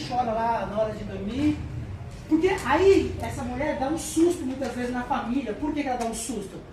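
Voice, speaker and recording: A woman with a Brazilian accent giving a humorous motivational talk to an audience. She is chatty and animated and acts out voices. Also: high-pitched. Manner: chatty, tags lines with "né". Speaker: lecturer. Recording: echoey, mic far off, background noise.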